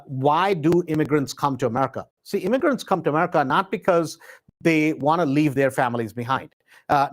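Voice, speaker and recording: A middle-aged man who grew up in India, hosting a live real estate investing webinar in a stop-start way, with many "uh"s and emphatic repeated words. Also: fairly high pitch. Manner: filler-heavy, stop-start delivery with many "uh"s.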